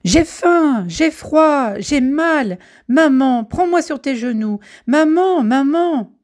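A woman's voice: high voice, animated, slow pace, a little mellow, voice pushed up. A woman voicing a crowd of tiny magical children crying for their mother. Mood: wailing. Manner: whining, crying.

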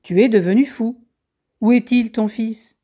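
A woman's voice: fairly high pitch, a little slow, dark tone. A woman voicing a farmer's wife who teases a man she thinks is mad. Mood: mocking.

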